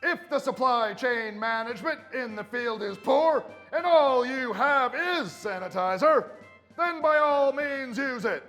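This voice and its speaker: Drill sergeant yelling orders, high voice, long echo behind. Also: male voice, animated, exaggerated voice. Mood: commanding. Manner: shouted military commands, drawn-out emphatic delivery. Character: barking, strict male army drill sergeant. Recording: long reverb with music underneath.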